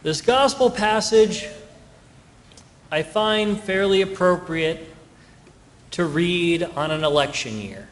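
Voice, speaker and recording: Priest with a cathedral echo. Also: male voice, high voice, expressive, takes it slowly, pauses often. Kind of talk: Gospel reading and homily. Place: large church. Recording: long reverb of a large church.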